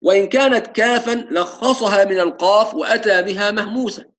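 A man with an Egyptian accent teaching Quran recitation. He mixes formal Arabic with colloquial asides and slows down to stretch out each letter he demonstrates. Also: high-pitched, fairly bright tone. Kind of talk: tajweed lesson with spoken demonstrations.

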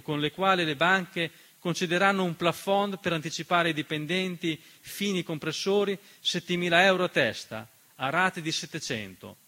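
The man's voice is a little high, bright and pushed as he performs a scripted theatrical monologue. As narrator and writer-performer, he declaims accusingly through one rhetorical question after another.

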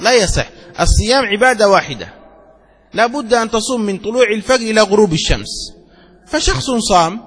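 A man's voice: sits high, a bit bright, long reverb tail. A male Islamic scholar teaching a religious law text. He reads passages aloud, explains them with examples and keeps asking if his listeners follow. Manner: explains with examples and checks understanding.

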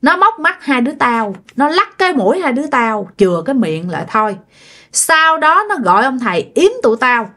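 A woman's voice: sits high, big pitch swings, moderate pace, pushed and bright, full character voice. Woman doing a drowned male ghost, cruel. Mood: menacing. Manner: menacing, then pleading.

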